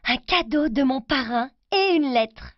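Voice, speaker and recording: A woman reading a children's story aloud, slowly and clearly, in a careful reading voice for children. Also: sits high, expressive, dry recording, dull audio.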